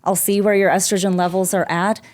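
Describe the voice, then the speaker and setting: A woman nurse practitioner, a guest on the podcast, explaining treatment in a calm, practical way. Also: mid-range voice, a little fast. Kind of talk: explaining conversationally.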